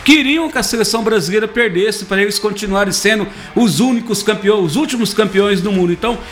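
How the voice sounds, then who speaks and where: A man's voice: high-pitched, fast, a bit bright. A man from Brazil doing casual, joking sports talk as a radio commentator, teasing his co-hosts.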